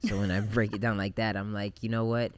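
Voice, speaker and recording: Male podcast guest, thirties, low voice, relaxed and reflective. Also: fairly quick, clean tone, no room sound. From Japan. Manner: relaxed, reflective, many fillers. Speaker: podcast guest, film director. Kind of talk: casual interview chat. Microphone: studio mic on boom arm.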